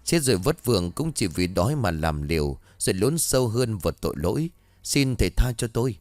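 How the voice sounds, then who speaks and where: A man's voice: lowish voice, very animated, a little fast, a little mellow, no room sound. A man voicing a pitiful male ghost who whines and pleads, from a spoken storybook. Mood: pleading. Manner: whining, pleading.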